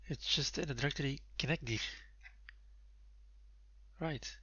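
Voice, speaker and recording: A man codes live and thinks aloud in a slow, husky voice with a gravelly rasp. He mutters to himself and restarts his sentences as he goes. The dull, lo-fi mic picks up the clatter of his keyboard. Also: mid-range voice, bright, forceful tone. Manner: muttering, self-talk with fillers and restarts. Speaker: live coding streamer. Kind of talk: casual think-aloud while coding.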